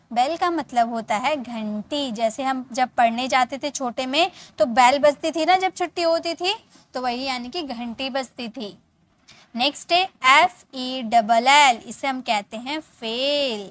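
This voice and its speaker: Her voice high and a bit bright, a woman teaches English with no echo in the recording. She spells each word out, repeats it at a slow pace, and keeps making sure the class is following along.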